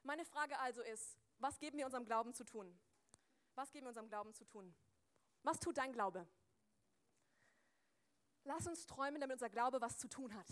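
A woman preaches a sermon with a fairly high voice, talking close into a microphone. She is lively and chatty, acting out small scenes and throwing quick asides to her listeners.

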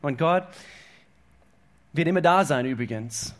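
Halting, higher-voiced male preacher. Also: lively intonation. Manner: halting with repeated words, swings between hushed and loud. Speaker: pastor. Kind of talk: sermon.

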